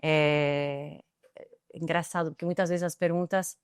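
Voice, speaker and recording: Appearing as an interview guest, this middle-aged tech executive speaks with an Argentine accent, Spanish being her first language. Her steady, smooth, resonant voice is fairly low for a woman; she replies with care and frequent hesitant fillers, recorded close and dry with no echo.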